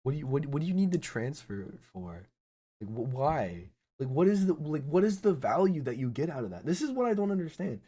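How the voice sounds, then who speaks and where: A man's voice: a little high, big pitch swings, a little fast, mellow, slightly rough. A young man hosting a reaction commentary, ranting incredulously with stumbling restarts and repeated words. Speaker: online video host.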